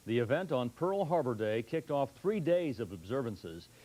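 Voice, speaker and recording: A man's voice: mid-range voice, big pitch swings, moderate pace, warm tone, poor audio. A man anchoring a news broadcast, reading scripted stories.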